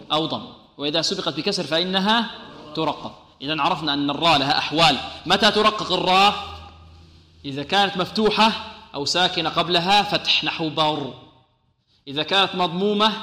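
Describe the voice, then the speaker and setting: A man with a fairly high, bright voice teaches recitation rules. He slowly draws out sounds as he demonstrates them, then quizzes and answers himself. His voice rings through a roomy space with a long reverb. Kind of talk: radio tajweed lesson. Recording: echoey room with long reverb.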